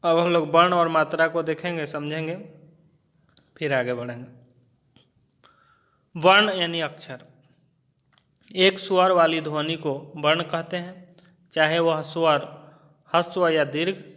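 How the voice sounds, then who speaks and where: A male teacher gives an exam prep lecture in a voice pitched a little high. He moves slowly and deliberately, repeating key points and sounding out examples one at a time. The room lends a long, hanging reverb. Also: fairly bright tone.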